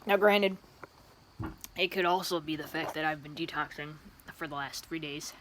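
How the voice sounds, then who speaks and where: A woman with a fairly low voice rambles casually, as if to a camera, drifting from one aside to the next. She is outside by a busy street, with faint traffic and ambient noise around her. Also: normal speed, fairly bright tone, poor audio. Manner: easily distracted, drifting between asides. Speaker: vlogger. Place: outdoors in a yard beside a loud street. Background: passing vehicles and outdoor ambience.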